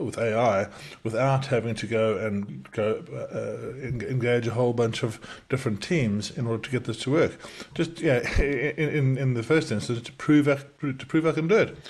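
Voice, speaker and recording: A middle-aged South African entrepreneur, his accent softened by decades in the UK, gives a casual screen-share tutorial demonstrating software. He speaks fast at a medium pitch, with many restarts and fillers. His webcam appears in a small circle over the screen recording.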